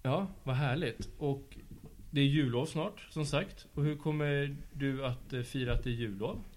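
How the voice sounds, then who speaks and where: A man at a school interviews pupils, patient and encouraging, with a voice of ordinary middle pitch. He asks slow, gentle follow-up questions in a casual tone. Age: adult. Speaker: school after-school staff interviewer. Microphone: handheld mic passed to pupils.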